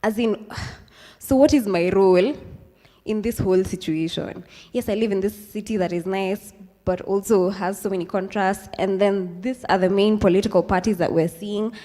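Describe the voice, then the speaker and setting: In a warm, medium-pitched voice with fairly even intonation and a moderate pace, a young Kenyan woman in her twenties talks informally to a live audience at a youth event, using slides. She chats casually, slipping in Swahili and many ums. The hall echoes with long reverb.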